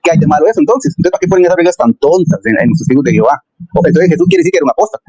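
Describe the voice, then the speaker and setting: A man's voice: a little high, animated, very fast, noisy background. A man hosting an interview, arguing with rhetorical questions aimed at critics. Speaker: interview host. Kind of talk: conversational commentary.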